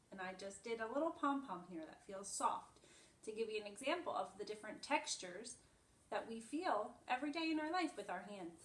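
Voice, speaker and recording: A woman preschool teacher with a medium-pitched, slightly bright voice reads a story aloud to young children, explaining things simply and demonstratively. The room is echoey and the microphone sits at a distance.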